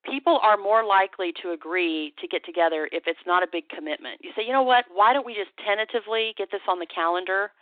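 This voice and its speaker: A woman's voice: mid-range voice, fast, few pauses, no room sound. Confident woman on a tinny phone line. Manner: confident, animated, acts out sales lines. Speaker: sales trainer guest. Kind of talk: phone interview.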